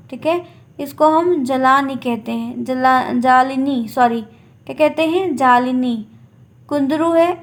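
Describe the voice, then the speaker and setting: A woman with a high voice teaches an exam-prep class online. She talks patiently, asking her students short questions and answering them herself. Her speech slips easily between two languages. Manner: patient, repeats key words with quiz-like questions.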